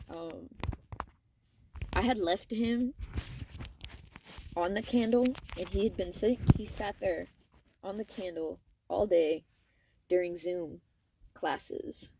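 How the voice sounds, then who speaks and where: A young adult woman vlogger telling a personal story in a casual, rambling, fond way, with animated emphasis and trailing asides. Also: mid-range voice, takes it slowly, long pauses, background noise.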